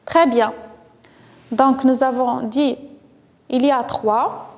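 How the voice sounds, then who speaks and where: A woman's voice: high-pitched, fairly even intonation, takes it slowly, long reverb tail. A woman with a Moroccan accent teaching a first-grade French phonics lesson, patiently repeating words syllable by syllable and praising the children. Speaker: primary school teacher.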